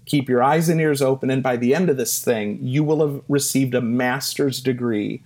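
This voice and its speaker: Middle-aged male interview guest, mid-pitched, animated storyteller who acts out quotes and laughs at himself. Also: normal speed. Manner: animated anecdotes with self-deprecating laughs and acted-out quotes.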